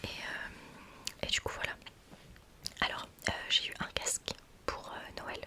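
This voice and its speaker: A woman whispering casual ASMR chat very close to the mic, right in the listener's ear, in an informal, excitable, self-deprecating way. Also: a little slow. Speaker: ASMR content creator. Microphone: close budget USB microphone with pop filter.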